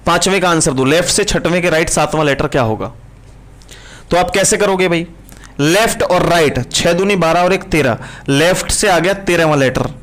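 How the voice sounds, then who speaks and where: Male tutor, fairly high voice, brisk live class, keeps asking students questions. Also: a bit bright. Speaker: reasoning teacher.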